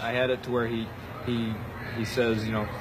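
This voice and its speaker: Brief: male animator, informal interview talk, medium pitch, noisy surroundings. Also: little pitch movement, normal speed. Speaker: character animator. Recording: noticeable background noise.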